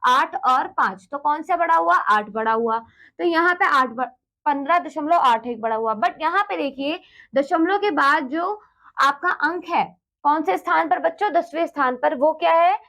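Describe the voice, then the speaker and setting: A woman with a high voice teaches a math lesson to children. She goes step by step with patience, asks the class questions and answers them. She drops English words into her explanations. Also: moderate pace, pushed and bright. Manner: mixes English words into Hindi.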